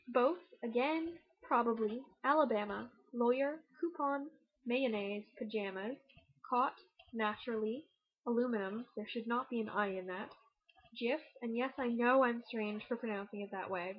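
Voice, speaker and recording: A young Canadian woman with a slightly high, husky voice chats through an accent challenge in a quick, self-mocking way. Her Canadian accent comes through on a muffled, lo-fi webcam recording. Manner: chatty, rushed and self-mocking. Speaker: vlogger. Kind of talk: casual accent challenge video.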